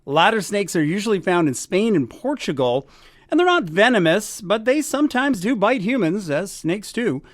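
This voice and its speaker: A man's voice: sits high, very animated, normal speed, no room sound. A man hosting a morning radio show, reading odd news stories with wry, chatty asides into a studio mic.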